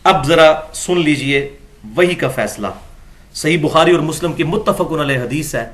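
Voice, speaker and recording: A man with a fairly bright voice on the high side gives a religious lecture. He reads from books and argues his case, his delivery peaking emphatically.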